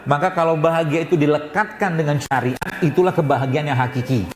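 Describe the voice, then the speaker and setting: Guy preaching a sermon, bit high voice, asks the crowd stuff and answers it himself, roomy hall echo. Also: fairly quick. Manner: rhetorical questions to the congregation, answers himself. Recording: echoey hall recording, faint ambience.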